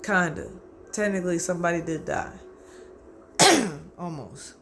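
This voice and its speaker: A man hosting his own channel, rambling through a casual, profane, excitable recap of an anime and often acting out his own reactions. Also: sits high, measured pace, vocal fry, slight background noise. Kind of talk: casual solo anime commentary.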